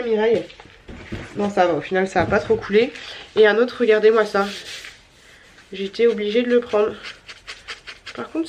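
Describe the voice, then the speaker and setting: A woman's voice: fairly high pitch, a little hiss or hum. A tired woman vlogger with a stuffy, nasal voice, chatting casually through a shopping haul with many fillers and repeated words.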